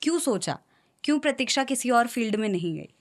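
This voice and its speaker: A woman's voice: fairly high pitch, animated, a little fast. A woman hosting an interview, asking questions in a friendly, chatty way. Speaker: podcast host, interviewer. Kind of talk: casual interview conversation.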